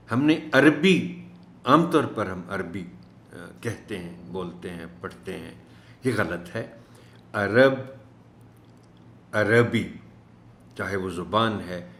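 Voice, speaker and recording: A man teaching an Urdu lesson for teachers, speaking in a measured way and slowing down to stress each word he corrects. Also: low voice, fairly bright tone. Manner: measured, stresses words slowly when correcting pronunciation. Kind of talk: instructional video lesson. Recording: echoey room.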